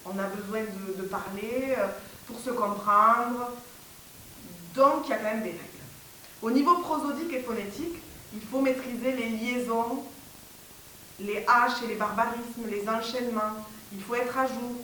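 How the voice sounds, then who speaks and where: A woman French teacher giving an animated lecture on pronunciation, checking in with her audience as she goes. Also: a little high, normal speed. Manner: animated, corrects pronunciation, asks the audience questions. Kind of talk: lively classroom lecture. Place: lecture hall. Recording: echoey hall from far off, faint hiss.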